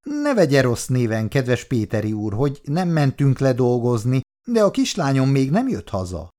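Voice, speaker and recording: An actor playing a worried, grumbling retired old husband in a 1960s radio drama, with a low, muttering manner. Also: male voice, huge pitch swings, warm tone. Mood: apologetic. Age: older.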